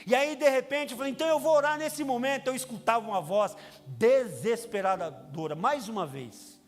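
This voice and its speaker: Brazilian pastor guy, really high voice, sermon story in a big echoey church, faint music under it. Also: moderate pace. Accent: Brazilian Portuguese. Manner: storytelling, acts out quoted voices with raised pitch. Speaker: pastor, prison chaplain. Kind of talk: sermon testimony. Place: church sanctuary. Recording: reverberant church hall with music.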